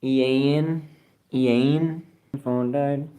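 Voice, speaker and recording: A man hosts a casual livestream from his phone, reading out viewer comments in a rambling, slangy style, swearing freely and spelling names letter by letter. His medium-pitched voice is warm and steady, and he talks extremely slowly.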